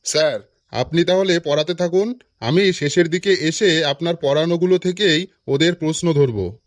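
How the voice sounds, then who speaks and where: A man voicing a brisk, official male headmaster who gives instructions. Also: fairly high pitch, dry recording, studio quality, close to an everyday voice. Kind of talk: animated cartoon voice acting.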